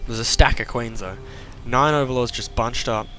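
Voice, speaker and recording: A young man casting a strategy game match play-by-play, chatty and self-mocking with quick asides. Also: medium pitch, a bit bright, soft background music. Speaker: esports caster. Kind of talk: play-by-play commentary.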